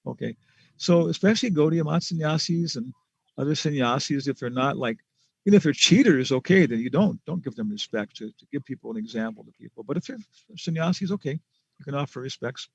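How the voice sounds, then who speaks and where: A man's voice: medium pitch, expressive, brisk, vocal fry, a little mellow, slightly rough, no room sound, dull audio. A man answering students' questions in a casual class, rambling with many fillers and chuckles.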